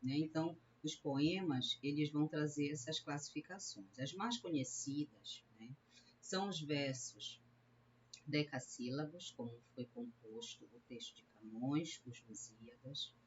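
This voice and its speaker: A woman from Brazil, a literature teacher giving a recorded lecture, explaining step by step and often tagging a questioning "né?" onto her sentences. She slows down to sound out syllables one at a time. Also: deep voice. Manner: sounds out syllables slowly when counting verse. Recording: slightly dull lecture recording with faint hiss.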